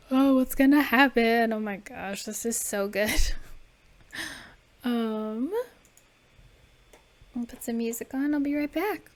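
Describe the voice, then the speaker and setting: A woman streamer chatting casually and excitedly with her viewers. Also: fairly high pitch, takes it slowly, long pauses.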